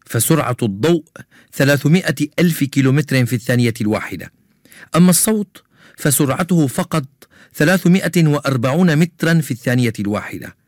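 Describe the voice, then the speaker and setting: An actor playing a calm, knowledgeable young science buff who explains things in a children's radio drama. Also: male voice, mid-range voice, fast talker, dry recording, studio quality, close to an everyday voice. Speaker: science expert character in a radio show.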